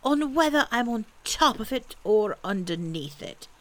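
A woman's voice: a little high, lively intonation, unhurried, voice pushed up. A woman voicing a simple, earnest male toy bear with a growly voice, in a children's storybook.

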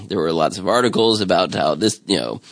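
A man's voice: low voice, expressive, normal speed, dry recording. A man hosting a casual podcast chat, talking in a rambling, amused way with many restarts. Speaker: podcast host.

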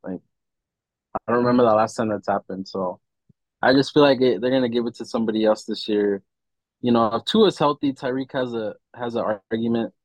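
Male podcast host, average pitch, opinionated sports talk in loose slang, very dry sound. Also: brisk, no room sound, poor audio. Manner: slangy, opinionated, says "bro" often. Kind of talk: casual sports chat.

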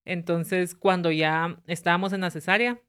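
Low-voiced woman recounting a story. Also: steady tone, moderate pace, a bit bright, smooth. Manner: earnest, tells events step by step and acts out the dialogue. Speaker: podcast guest. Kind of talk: personal story in conversation.

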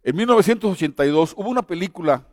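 A man in his fifties gives a sermon in a high, searching voice, leaning on repetition and pauses and stumbling into restarts now and then. The sound is close and dry, but a long reverb trails after his words as in a large hall. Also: expressive, darkish tone. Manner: retells a story with emphatic pauses and repetition; stammers and restarts often. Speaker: preacher.

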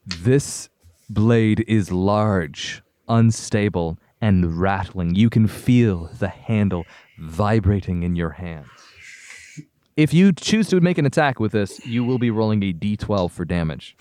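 A man narrates a tabletop game as its game master, his pitch swinging widely as he sets each scene. The recording is close and dry, with no room sound. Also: lively intonation, slow pace, warm tone, no room sound.

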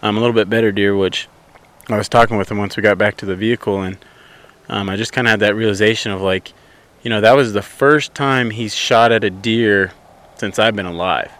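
A man's voice: on the low side, fairly even intonation, brisk, fairly bright tone. A young man casually telling stories as a podcast guest, recorded outdoors by a campfire. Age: young adult. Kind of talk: casual storytelling.

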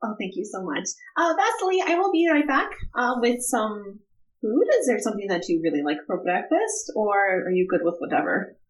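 A woman voicing an earnest young Vistani woman with a put-on accent, reading a letter in a formal, deliberate way. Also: mid-range voice, sing-song, close to an everyday voice, low-quality recording. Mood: polite.

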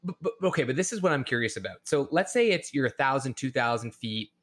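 A man's voice: medium pitch, lively intonation, fast talker. Eager, rambling podcast host, a man. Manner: eager, rambling questions with restarts. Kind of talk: casual interview questions.

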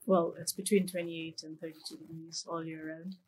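A middle-aged man from Kenya, a podcast guest, answering in a relaxed way with easy laughs. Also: a little high, normal speed, slight background noise, rough recording. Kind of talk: casual interview chat.

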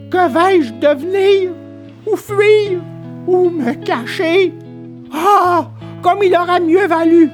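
A stubborn little wooden puppet boy, wailing and pleading in a shrill, strained voice. He drags out his words slowly between sobs. A storybook voice, pitched far above an adult's.

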